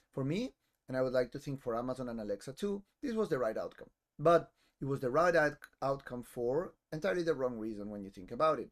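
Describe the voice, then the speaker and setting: Man telling a story in a talk. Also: medium pitch. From Argentina. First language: Spanish. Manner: casual storytelling with frequent ums and restarts. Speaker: conference speaker. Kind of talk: conference talk.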